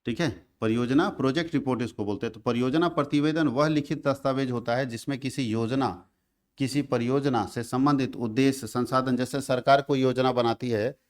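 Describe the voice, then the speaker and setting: A man's voice: medium pitch, darkish tone. A male teacher giving an exam revision lecture. He goes over each point twice and keeps checking that students follow.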